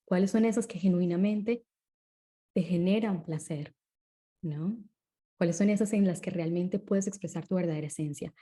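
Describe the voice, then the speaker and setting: A woman speaking as an interview guest, explaining ideas in a calm, unhurried way and often checking in with short tag questions. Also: fairly low pitch.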